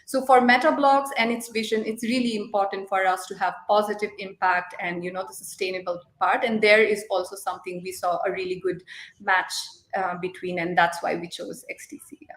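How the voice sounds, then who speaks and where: A young woman from Nepal answers questions as a guest in an online interview. She explains at length, pausing on fillers as she thinks, and sits at a mid pitch. Her voice carries a noticeable room echo. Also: fairly even intonation. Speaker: guest, startup co-founder.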